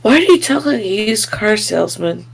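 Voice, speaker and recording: Wry woman player with creaky voice. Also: mid-range voice, animated, moderate pace. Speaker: tabletop game player. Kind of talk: casual role-play banter.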